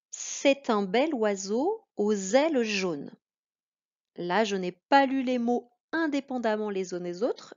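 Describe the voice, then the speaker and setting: A woman's voice: fairly high pitch, darkish tone. A woman teaching a reading lesson to children, patient, drawing out each example word. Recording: dull lo-fi sound.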